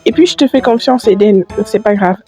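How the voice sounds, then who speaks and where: A woman's voice: mid-range voice, brisk, warm tone, faint music behind. Miss, a woman voicing a jealous young wife. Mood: reproachful. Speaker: storyteller and voice actor.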